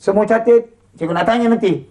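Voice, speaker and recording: A Quran recitation teacher with a Malaysian Malay accent, chanting slow model verses and then quickly explaining and quizzing pupils. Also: medium pitch, warm tone. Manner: quizzing pupils with short questions. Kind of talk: classroom lesson with call-and-response.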